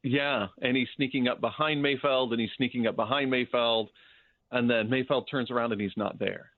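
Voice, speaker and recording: A man co-hosting a casual podcast chat, an animated storyteller who acts out quotes. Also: mid-range voice, normal speed, dry recording. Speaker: podcast co-host. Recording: tinny phone-like dry sound.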